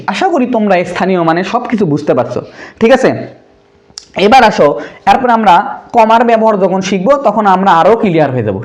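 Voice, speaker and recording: Brisk high-voiced young male math teacher. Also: darkish tone. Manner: asks pupils questions and answers them himself; casual, calls pupils brother. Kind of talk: explaining a primary school math lesson.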